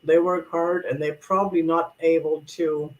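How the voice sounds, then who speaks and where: A man's voice: fairly high pitch, level tone, normal speed, lo-fi sound. A man vlogging casually about his travels, chatty and rambling, with many restarts and asides.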